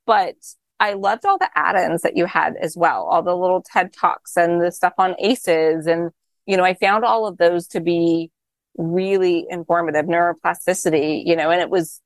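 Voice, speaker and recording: A woman with a somewhat low voice hosts a relaxed interview, talking enthusiastically and thinking aloud as she goes. The sound is dry and close, with no room around it. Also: normal speed, no echo. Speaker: podcast host. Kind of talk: conversational interview.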